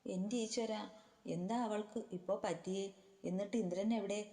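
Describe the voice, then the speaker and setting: A woman's voice: mid-range voice, fairly even intonation, moderate pace, dark tone, natural voice. A woman voicing a devout old grandmother who tearfully pleads and prays, with a long reverb on the recording. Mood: wailing. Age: over 60.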